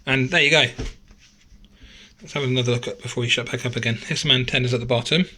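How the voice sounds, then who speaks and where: A gadget reviewer walks through a teardown tutorial in a relaxed, chatty way, thinking out loud and correcting himself mid-sentence. A camera microphone at an indoor desk picks up his fast, medium-pitched voice along with a little hiss or hum.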